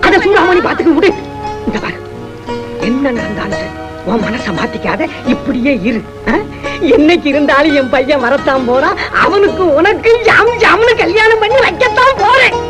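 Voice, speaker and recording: A man's voice: very high voice, fairly quick, over loud music, rough recording. An actor playing an aging village father who rambles, pleads and grieves for his runaway son, in a film scene. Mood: tender. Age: older. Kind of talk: Tamil film acting. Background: film score.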